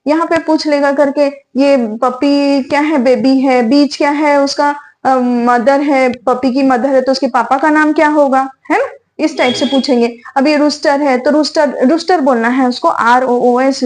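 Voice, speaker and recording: A woman teaching a lesson for young children, asking a question and answering it herself, again and again. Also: sits high. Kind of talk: tutorial for young learners.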